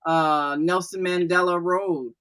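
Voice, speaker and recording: A woman's voice: fairly low pitch, steady tone, a bit bright, smooth. A woman hosting a radio talk show, speaking emphatically and affirming what her guests say. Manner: emphatic, affirming, quickens at breaks. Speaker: radio host.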